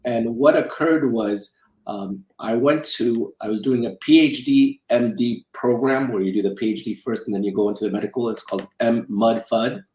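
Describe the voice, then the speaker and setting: A middle-aged man born in Romania and raised in South Dakota from childhood, now a film executive producer and financial advisor, shares his story conversationally as an interview guest. He often repeats and rephrases himself. His medium-pitched, darkish voice comes at normal speed in an echoey room on a rough recording.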